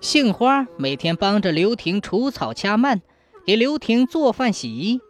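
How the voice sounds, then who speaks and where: A woman narrating a folk ghost story in an expressive storytelling manner. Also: mid-range voice, a little slow, faint music behind.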